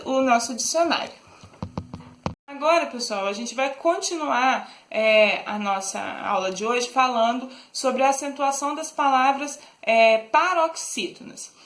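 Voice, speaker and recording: A woman's voice: sits high, fairly bright tone, roomy sound. A Brazilian Portuguese-speaking woman teaching a recorded lesson to young children, patient and affectionate, explaining step by step with frequent "é" hesitations. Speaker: primary school teacher.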